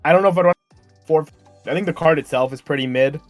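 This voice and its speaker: A man's voice: a little high, no room sound, faint music behind. Man on a call with audio cutting out. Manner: blunt, quick verdicts with casual fillers. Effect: audio cutting out, uneven volume. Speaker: co-host card reviewer. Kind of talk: casual card game review chat.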